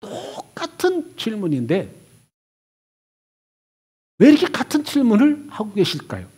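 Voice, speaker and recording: Animated high-voiced man preaching. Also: measured pace, breathy edge. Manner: expressive preaching, voicing God and Elijah in turn, swinging from hushed to loud. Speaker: pastor. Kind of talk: sermon.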